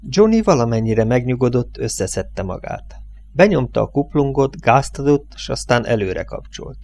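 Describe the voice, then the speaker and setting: A man narrating a novel as an audiobook, reading in a measured, steady way. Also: mid-range voice. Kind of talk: scripted narration.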